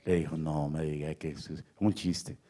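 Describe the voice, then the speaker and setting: A man preaching a sermon, telling stories and moving from hushed whispers to loud impassioned cries. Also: very deep voice, steady tone, moderate pace. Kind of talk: sermon with storytelling.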